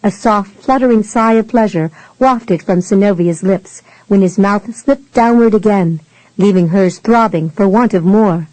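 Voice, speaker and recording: Woman narrator for a romance audiobook: mellow, measured, close and dry. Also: mid-range voice, no room sound, rough recording.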